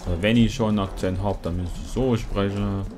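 A man's voice: on the low side, fairly even intonation, brisk, over music. A young man from Saxony-Anhalt in Germany, chatting playfully through a co-op video game and joking as he plays. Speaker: let's play host. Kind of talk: casual co-op gaming chat.

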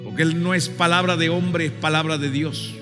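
A male preacher delivering a fervent sermon, pushing into shouted call-and-response and then dropping to low, earnest appeals. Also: steady tone, moderate pace. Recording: long hall reverb with faint music.

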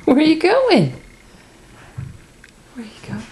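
A woman's voice: sits high, wildly swooping pitch, measured pace, a little mellow, slight background noise. A young woman at home, using playful, coaxing baby talk with a toddler while filming on a handheld camcorder.

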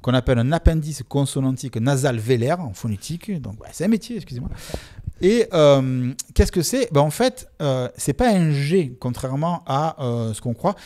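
A man with a Marseille accent, a sociolinguist guest, explaining pronunciation in a lively, expressive way and voicing examples aloud. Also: medium pitch, moderate pace. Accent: Marseille French. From Marseille, France. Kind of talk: casual explanatory interview.

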